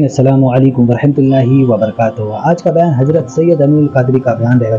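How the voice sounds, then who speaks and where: A man's voice: mid-range voice, warm tone. A man giving a polite, formal introduction to a sermon for his channel. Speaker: channel presenter. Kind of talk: scripted introduction. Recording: dull lo-fi sound with faint music.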